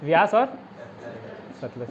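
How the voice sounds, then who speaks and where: High voiced chhattisgarh hindi guy teaching exam prep, chatty, lots of memory tricks, kinda dull lo-fi sound. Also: very animated, slow pace, slight background noise. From India. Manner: chatty, repeats "theek hai", quizzes students with mnemonics. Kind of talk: online exam-prep lesson.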